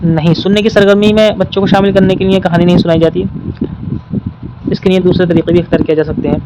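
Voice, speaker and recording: A man's voice: sits high, little pitch movement, very noisy. A man teaching an exam-prep lesson, working through questions and patiently repeating the key points.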